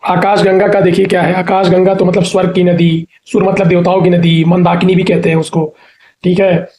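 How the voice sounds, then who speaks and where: High-voiced man drilling exam vocabulary. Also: level tone, brisk, dark tone. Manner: repeats each answer, asks and answers own questions; spells words out syllable by syllable. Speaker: Hindi exam teacher. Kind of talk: online exam-prep class.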